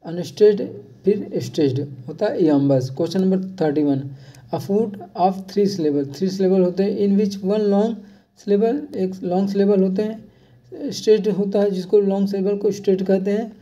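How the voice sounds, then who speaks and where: A teacher leading an exam-prep lesson, reading each question slowly and repeating key terms. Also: medium pitch, warm tone, far from the mic. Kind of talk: exam-prep lesson, mixing Hindi and English. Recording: dull lo-fi sound from off-mic.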